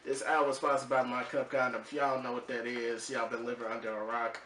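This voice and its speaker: Man, radio host, very bright tone, jokey banter, roomy studio, far from mic. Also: mid-range voice, monotone, fairly quick. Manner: jokey, laughs often. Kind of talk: casual radio banter and sponsor read. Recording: roomy distant mic with faint noise.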